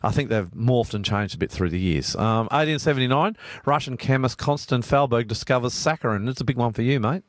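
Australian male radio host, colloquial and teasing, deeper than average, tight dry studio sound. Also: brisk, few pauses, no echo. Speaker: radio show host and pastor. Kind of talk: casual live radio banter.

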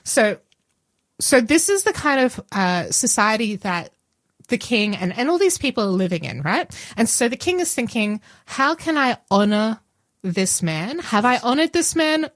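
Australian woman, Bible study host, animated storyteller, slightly high voice, dry close mic. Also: no room sound. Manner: animated, acts out characters in quick asides. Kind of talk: casual Bible discussion.

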